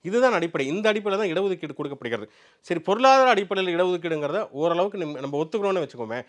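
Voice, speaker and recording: A man with a high voice and very lively, swinging intonation argues in a political discussion. He talks quickly and insistently, pushing his case with rhetorical questions. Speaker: discussion guest.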